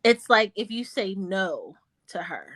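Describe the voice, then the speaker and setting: A woman in casual chat, telling animated stories about her children and acting out their voices. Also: mid-range voice, measured pace, no echo. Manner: animated storyteller, acts out her kids with squeals.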